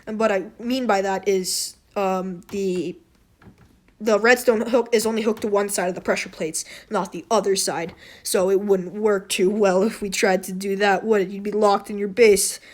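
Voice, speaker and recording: A woman hosts an informal game tutorial in a hoarse voice with a slight wheeze. She rambles along off the cuff, often apologetic and poking fun at herself. Her pitch sits in the middle for a woman. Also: fairly even intonation, normal speed, a little mellow. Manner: rambling, self-deprecating, apologetic. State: hoarse throat. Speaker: tutorial host. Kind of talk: casual unscripted game tutorial commentary.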